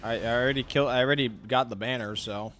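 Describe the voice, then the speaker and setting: A man's voice: mid-range voice, steady tone, fast, fairly bright tone, soft background music. A man livestreaming a video game, chatting casually, thinking aloud and swearing in slang as he plays. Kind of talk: casual live gaming commentary.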